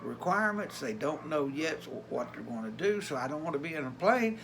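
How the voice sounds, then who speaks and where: Older male vlogger, Appalachian Tennessee accent, notably high-pitched voice, folksy and plainspoken, some background noise. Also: very animated, brisk, gravelly. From Tennessee, USA. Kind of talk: casual vlog talk.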